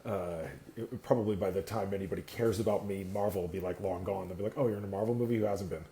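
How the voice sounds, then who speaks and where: A man's voice: low-pitched, steady tone, quick pace, mellow, reverberant. A man from California hosting a casual live talk show, rambling and filling time with many "uh"s while he waits for guests. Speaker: host. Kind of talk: casual livestream chat. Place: indoor room, seated on a sliding chair.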